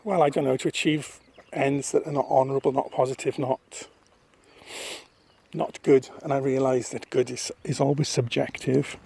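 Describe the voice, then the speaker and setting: Husky guy rambling into his phone on a misty walk, lots of pauses. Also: mid-range voice, steady tone, warm tone. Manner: thoughtful, rambling, pausing often. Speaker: vlogger. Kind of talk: casual walking vlog monologue. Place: outdoors on a misty countryside walk. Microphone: phone held at arm's length.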